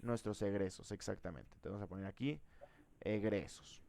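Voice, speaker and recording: A man's voice: fairly low pitch, steady tone, moderate pace, vocal fry, a little mellow. A man teaching a live programming class, thinking aloud and asking the students questions.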